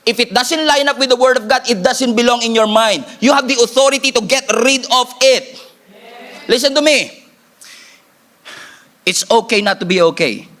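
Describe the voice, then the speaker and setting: A man preaching a sermon as pastor, animated, joking and calling for responses from the congregation, repeating key lines for emphasis. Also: very high-pitched, moderate pace.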